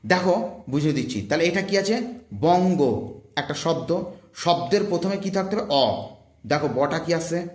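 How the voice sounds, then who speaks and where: A man's voice: fairly high pitch, expressive, normal speed, long pauses, reverberant. A male teacher giving an exam-prep grammar lesson, drilling his students with repeated questions and answers. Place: room, filmed with handheld phone. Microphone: handheld phone.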